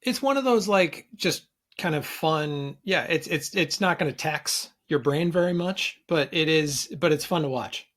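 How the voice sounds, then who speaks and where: A podcast guest who talks things through slowly, hedging and starting over as he looks for words. His voice sits somewhat high for a man, in an easy, conversational delivery. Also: fairly bright tone. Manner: thoughtful, hedging, often restarting sentences. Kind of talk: casual podcast chat.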